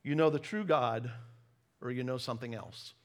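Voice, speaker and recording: In a mid-range voice, a middle-aged American man who once served as a missionary preaches and shares personal stories. His tone is casual and self-deprecating but forceful, broken up by deliberate pauses between phrases.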